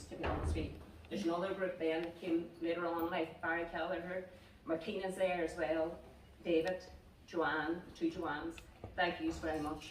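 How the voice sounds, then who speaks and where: A middle-aged woman with a low voice gives a halting, choked-up thank-you speech. She is heard from across an echoing room, with a faint wash of noise underneath. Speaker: award-winning masters runner. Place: function room at a club reception. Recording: echoey room, distant mic, faint noise.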